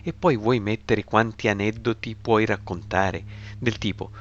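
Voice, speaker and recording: A man's voice: fairly low pitch, steady tone, a little slow, close to an everyday voice. A man reading a story aloud, voicing a brash, muscular male drinking buddy who works as a skipper and talks in a blunt, joking way. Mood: boastful. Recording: slightly muffled, music behind.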